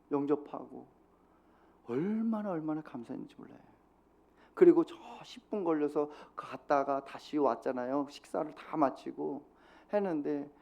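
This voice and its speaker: A Korean man preaching a sermon as pastor of a small church, exhorting the congregation and dropping from loud to hushed. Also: a little high, vocal fry. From South Korea.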